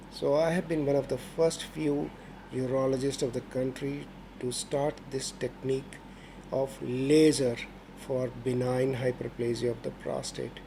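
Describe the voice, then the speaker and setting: A middle-aged man with an Indian accent, a senior doctor introducing himself in a formal, measured way. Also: mid-range voice, dark tone, slight background noise, low-quality recording. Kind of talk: promotional self-introduction to camera.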